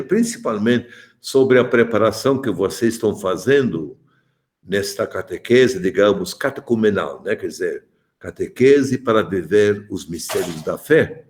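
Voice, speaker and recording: A man's voice: mid-range voice, darkish tone. A man in his seventies from Malta, a bishop giving a joking, chatty catechesis talk to adults and calling on them by name. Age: 70s.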